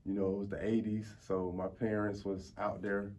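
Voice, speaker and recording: A man's voice: lowish voice, little pitch movement, normal speed, a little mellow. A man, talking casually in street slang as an interview guest. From Tampa, Florida, United States. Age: 40s. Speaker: interview guest, food reviewer. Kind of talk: casual conversational storytelling.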